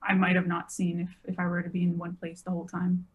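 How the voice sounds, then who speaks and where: A woman's voice: on the low side, completely flat delivery, fast talker, narrow, tinny audio. A woman in her twenties, a podcast guest, talking casually and rambling a little with lots of filler words. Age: 20s. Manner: chatty, rambling, many "like" fillers. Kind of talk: casual conversation.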